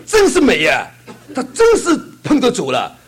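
A man's voice: extremely high pitch, wildly swooping pitch, moderate pace, husky. A man preaching a fervent sermon and telling a testimony, asking the congregation rhetorical questions.

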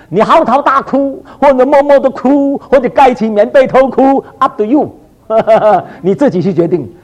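A male preacher with a strikingly high voice that swings widely in pitch as he delivers a sermon. He keeps firing rhetorical questions at his congregation and drops in short English phrases. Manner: animated, full of rhetorical questions to the listeners.

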